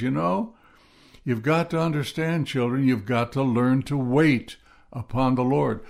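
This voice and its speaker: A middle-aged man teaching on a devotional podcast, earnest and reflective, reading scripture slowly. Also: mid-range voice, gravelly. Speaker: podcast preacher.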